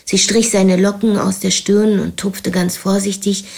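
Woman narrator, audiobook thriller, brisk and dramatic. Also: medium pitch, little pitch movement, gravelly, darkish tone. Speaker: audiobook reader. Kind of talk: scripted narration.

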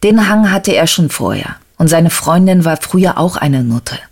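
A man's voice: a little high, animated, moderate pace. A reader voicing an insistent, agitated male detective who keeps pressing with questions, in an audiobook. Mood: probing.

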